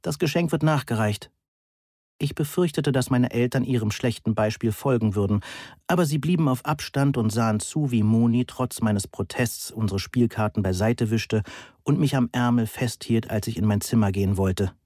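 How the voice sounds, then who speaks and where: A man reading a first-person story aloud in a measured, deadpan manner, close to the mic. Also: medium pitch, no echo. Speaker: audiobook narrator. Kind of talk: first-person scripted narration.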